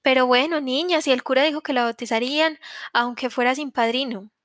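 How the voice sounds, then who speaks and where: A woman voicing a sharp-tongued old village sorceress, blunt and meddling in her lines, with a fairly high, dry-sounding voice. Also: steady tone, a little fast, no room sound.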